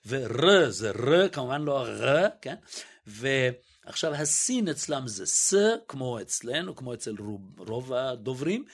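Male expert guest, average pitch, methodical and a little hesitant, demonstrates pronunciations aloud. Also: fairly bright tone, breathy edge. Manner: hesitant, self-correcting. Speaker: guest linguist. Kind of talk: explanatory interview talk.

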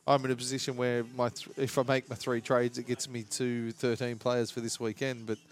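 A man's voice: mid-range voice, little pitch movement, fairly quick. An Australian man co-hosting a sports podcast, casually talking through analysis. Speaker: fantasy rugby league podcast co-host.

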